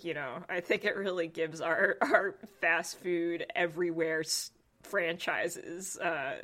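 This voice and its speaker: A woman hosting a casual history podcast, chatty and quick to laugh, full of "like" and "dude". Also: fairly low pitch, steady tone, a bit bright. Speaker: podcast host.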